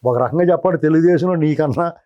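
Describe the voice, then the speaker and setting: Here a middle-aged political analyst talks fast in a dark, somewhat high voice, offering heated interview commentary that berates a politician directly as "you". The audio is dull.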